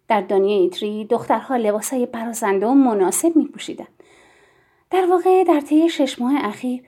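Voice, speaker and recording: Mellow-voiced woman narrating a story. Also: on the high side. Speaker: audiobook narrator. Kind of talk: scripted first-person story narration.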